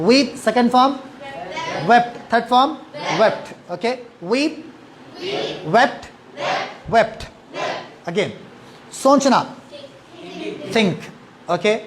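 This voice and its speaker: A man's voice: extremely high pitch, a little hiss or hum. Man teaching English verb forms. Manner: drills students with repeat-after-me, mixes English and Hindi-Urdu. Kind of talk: online verb-forms class.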